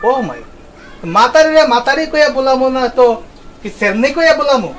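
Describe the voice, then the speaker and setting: A man's voice: extremely high pitch, animated, fairly quick, fairly bright tone, slight background noise. A man with a Barishal accent playing a boastful husband in a comedy skit, blustering and pleading by turns. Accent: Barishal Bengali. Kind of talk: comedy short film acting.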